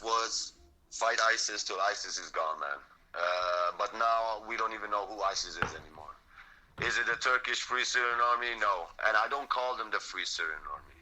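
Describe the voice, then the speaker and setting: A man's voice: lowish voice, pushed and bright, rough recording. A young man from Sweden, a frontline fighter talking as an interview guest, intense and blunt, swearing and saying "man" and "bro" all the time. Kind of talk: impassioned interview talk.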